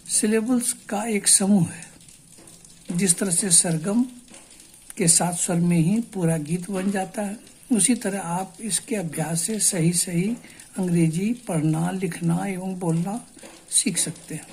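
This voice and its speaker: Slow, patient woman teaching, mellow tone. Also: lowish voice, slight background noise. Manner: slow, explanatory, repeats words syllable by syllable. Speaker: English teacher. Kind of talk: spoken Hindi language lesson.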